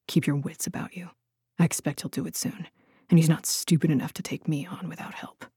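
A woman voicing a guarded young warrior who speaks in hushed, clipped whispers. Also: sits low, steady tone, brisk, slightly rough, dry recording. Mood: hushed, wary.

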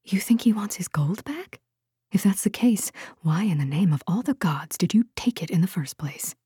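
A woman voicing a sharp-tongued young woman who hisses her words in whispers. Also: medium pitch, animated, normal speed, slightly rough, dry recording, studio quality. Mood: hissing.

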